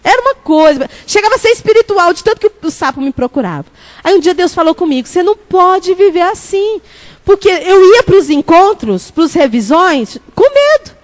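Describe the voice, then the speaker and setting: Woman, high voice, bishop, animated sermon storytelling, addresses the congregation. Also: fairly quick. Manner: animated storytelling, shouting at peaks; lively, laughing, addresses crowd as "gente".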